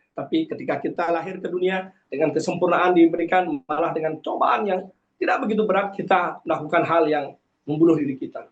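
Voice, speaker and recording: Earnest man in his forties. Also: a little high. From Karangasem, Bali. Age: 40s. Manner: earnest and preachy, with frequent hesitations. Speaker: guest. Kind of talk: earnest personal testimony. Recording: dull lo-fi sound.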